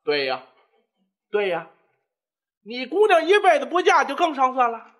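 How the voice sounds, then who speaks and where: A male storyteller voicing a sharp-tongued older wife who scolds her husband sarcastically. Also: very high-pitched, huge pitch swings, moderate pace, voice pushed up, heavily acted. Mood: sarcastic.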